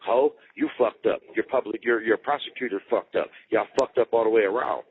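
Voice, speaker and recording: His voice on the low side and his pace a little fast, a jail inmate chats personally on the phone, repeating himself with slang and swearing. The tinny line carries a slight hiss or hum.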